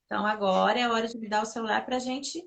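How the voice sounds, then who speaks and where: A woman's voice: on the high side, fairly even intonation, fast, vocal fry, a bit bright. A woman, a mother and guest, talking casually about parenting and often addressing the listeners directly. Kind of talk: casual conversational advice.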